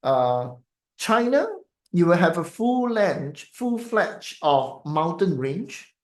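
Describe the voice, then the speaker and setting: A man's voice: sits high, very animated, slow. Man, Malaysian English accent, feng shui teacher, casual live-stream chat, rambling, filler-heavy, echoey room. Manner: rambling, full of fillers and tag questions like "eh?" and "okay".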